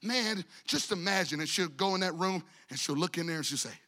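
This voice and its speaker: A man preaching a storytelling sermon in a church, animated and acting out the people in his story. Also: high-pitched, a little fast, long reverb tail. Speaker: pastor. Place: church sanctuary.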